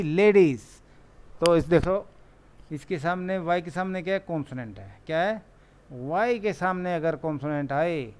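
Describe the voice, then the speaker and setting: A male teacher with an Indian accent explaining spelling rules, reading English lines slowly and repeating each point in Hindi. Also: on the high side, smooth. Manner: repeats questions and answers them himself. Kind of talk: classroom lesson explaining rules.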